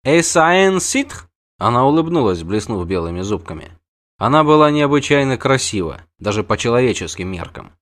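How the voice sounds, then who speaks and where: Male narrator, audiobook narration, lively pitch, expressive reading. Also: a little fast.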